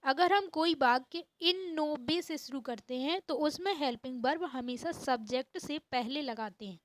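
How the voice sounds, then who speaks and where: Woman teacher, high voice, slow deliberate delivery, dry close sound. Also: no room sound, rough recording. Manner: reads English sentences slowly and repeats them. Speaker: English teacher. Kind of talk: grammar lesson.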